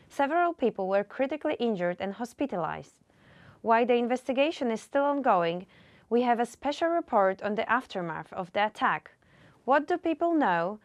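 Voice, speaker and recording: A woman's voice: on the high side, no echo. A young woman reporter reading a scripted news report in a careful, read-aloud manner. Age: young adult.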